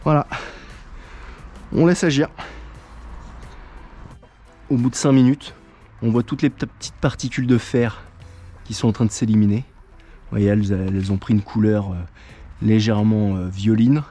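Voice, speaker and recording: A man hosting his own channel, calmly walking viewers through a hands-on job step by step, with frequent hesitations as he talks. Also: fairly low pitch, moderate pace, pauses often, faint music behind. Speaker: channel host. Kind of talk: casual how-to tutorial.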